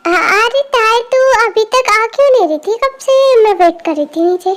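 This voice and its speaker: A woman's voice: extremely high pitch, lively intonation, moderate pace, a bit bright. A woman doing a chatty nosy girlfriend. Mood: pushy. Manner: pushy, chatty.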